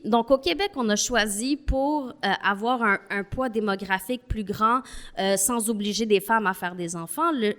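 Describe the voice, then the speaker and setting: A woman with a medium-pitched voice, not a native French speaker, takes part in a panel discussion as a guest. She comes across as earnest and thoughtful, building her argument step by step.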